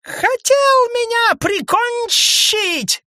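A shrieking vain snake wife. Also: male voice, takes it slowly, vocal fry, sharp tone, dry recording, clean studio sound, exaggerated voice. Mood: scolding. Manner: shrill, scolding and theatrical.

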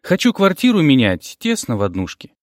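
Guy doing a young woman yelling and griping, voice jumping all over, dry close sound. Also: huge pitch swings, brisk, dry recording. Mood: wheedling. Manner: shrill, shouting outbursts. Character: young woman worker, grasping and hot-tempered.

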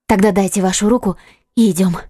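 A woman's voice: medium pitch, steady tone, fast, warm tone, slightly rough, no room sound, studio quality, natural voice. Brief: actress as a frightened, secretive young woman; pleading, evasive; audiobook drama. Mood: teasing. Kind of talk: audiobook acting.

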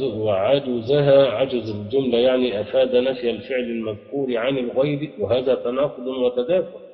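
A man with an Egyptian accent giving a grammar lecture, explaining slowly and often quizzing his students with questions. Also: mid-range voice. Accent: Egyptian Arabic. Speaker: teacher. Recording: dull lo-fi audio with long reverb.

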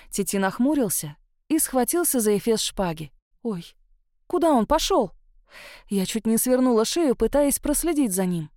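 Warm-toned woman narrating an audiobook. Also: fairly high pitch, no echo, clean studio sound. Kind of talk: first-person novel narration.

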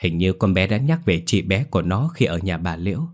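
A man's voice: low voice, animated, brisk. A male storyteller voicing a frightened young wife and mother who speaks in an anxious, pleading way. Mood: hushed worry.

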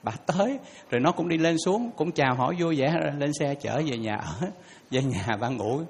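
A monk telling a story casually, hesitating with fillers and small laughs. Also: male voice, mid-range voice, animated, normal speed, husky. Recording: hall reverb with faint noise.

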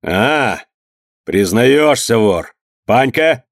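A man's voice: medium pitch, expressive, extremely slow, no echo. Brief: a male reader doing a cruel, furious master barking orders in a dry, close recording. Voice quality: shouting, scornful. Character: harsh, furious young master shouting at servants.

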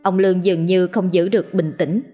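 A woman narrating a ghost story in a steady, dramatic reading voice. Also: on the low side, brisk, soft background music.

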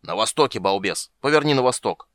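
A man's voice: fairly low pitch, expressive, brisk, fairly bright tone. A scatterbrained old wizard who flusters, scolds and cackles, his voice jumping up and down, as a man reads him out. He sounds close to the mic in a dry space without echo, like a storybook narration. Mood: fussy.

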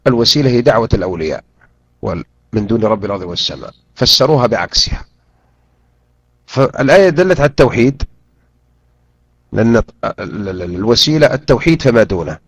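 A man teaching a Quran interpretation lesson, drilling pronunciation and repeating words slowly and deliberately. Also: mid-range voice, husky, no echo. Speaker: Islamic teacher. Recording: dull lo-fi recording.

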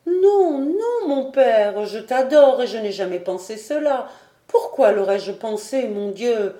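A woman's voice: medium pitch, moderate pace, warm tone, roomy sound, lightly acted. A woman voicing an anxious, tender young daughter who pleads with her father in a storybook reading. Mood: pleading. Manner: pleading, urgent questions.

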